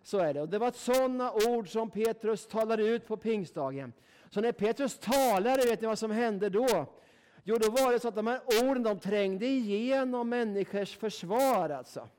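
A man's voice: high voice, a little mellow, clean tone. A man from Sweden preaching a sermon in a folksy, emphatic way, often tagging his sentences with a questioning "right?". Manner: folksy, emphatic, keeps asking "va?".

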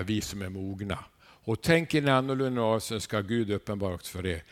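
A man preaching a sermon, animated, asking his listeners rhetorical questions and adding a questioning "eh?" to his lines. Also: lowish voice. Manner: animated storytelling with sudden rises in volume.

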